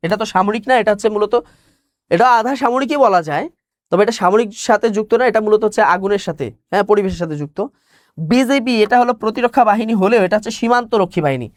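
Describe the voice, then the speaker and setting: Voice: mid-range voice, animated, fast talker, no room sound, clean studio sound. Teacher quizzing the class. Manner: asks questions and answers them, repeats key words. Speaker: exam-prep teacher. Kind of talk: live online class.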